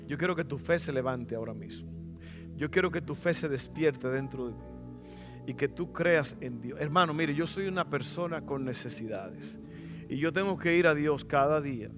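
A middle-aged man preaching a sermon as pastor in a church, fervent and rising to loud exclamations. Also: a little high, moderate pace, over music. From Latin America.

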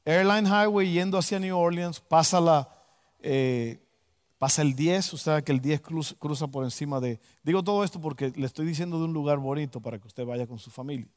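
Man, storytelling sermon, animated, high-pitched, long hall reverb. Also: moderate pace. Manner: animated storyteller, acts out voices and exclamations.

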